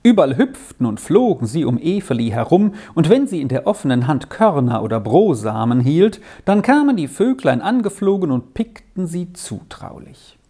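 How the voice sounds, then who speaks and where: A reader narrating a children's story in a gentle, measured way. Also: medium pitch, sing-song, husky. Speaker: audiobook reader.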